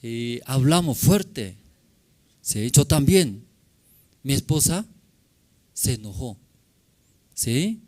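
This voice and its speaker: A man's voice: medium pitch, extremely slow, pauses often. A male pastor with a Korean accent, a native Korean speaker, telling a personal story in a sermon in simple broken Spanish, often checking in with tag questions. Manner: animated, acts out shouting in the story.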